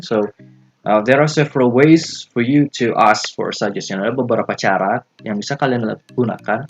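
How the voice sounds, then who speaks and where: A man with an Indonesian accent teaching an English lesson, switching languages and repeating example phrases slowly for students to copy. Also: mid-range voice. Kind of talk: recorded classroom lesson.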